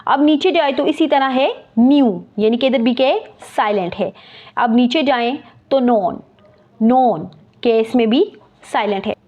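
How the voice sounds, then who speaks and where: Woman teacher, fairly high voice, patient spelling-out of words, repeats terms, muffled lo-fi recording. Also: measured pace. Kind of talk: explaining a lesson.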